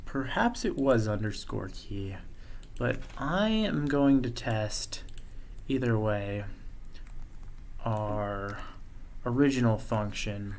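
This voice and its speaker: A man presenting a coding tutorial, thinking aloud in a relaxed way as he walks through code on screen. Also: lowish voice, takes it slowly, long pauses, a little hiss or hum. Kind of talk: screen-share coding walkthrough.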